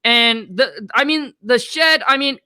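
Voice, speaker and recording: A man's voice: extremely high pitch, unhurried, sharp tone. A man from Vietnam, a guest talking in a casual, slangy, earnest way over a video call. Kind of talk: casual interview storytelling.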